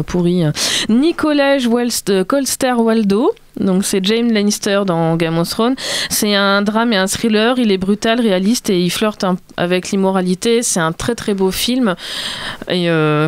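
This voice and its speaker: A woman's voice: mid-range voice, clean tone, no room sound. A young woman chatting on a radio film show, presenting her favourite films of the year with enthusiasm and some self-deprecating humour. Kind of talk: casual chat, presenting a year-end film list. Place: radio studio.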